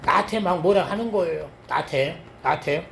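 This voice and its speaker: A middle-aged male pastor preaches a sermon with a personal testimony, telling it with lively swings between loud exclamations and quiet asides. His voice sits fairly high for a man. The sound carries the echo of a church sanctuary over a faint hiss. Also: brisk, creaky. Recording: echoey church hall.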